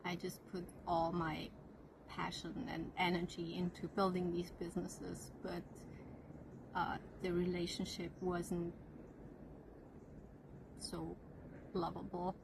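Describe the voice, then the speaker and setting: A woman telling her life story to camera in a soft-spoken, reflective way that often trails into a near-whisper. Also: lowish voice, monotone, takes it slowly, vocal fry, long pauses, noisy background. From Austria. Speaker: channel host.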